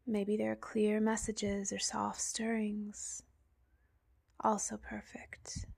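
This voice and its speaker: A woman softly narrating a guided relaxation like a sleep story, half-whispering with long pauses. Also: medium pitch, monotone, vocal fry, breathy edge.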